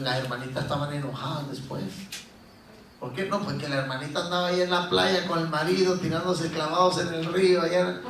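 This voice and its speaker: A middle-aged man preaching a sermon as pastor, telling stories in an animated way and acting out pleading voices. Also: a little high, a little hiss or hum. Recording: roomy echo from a distance.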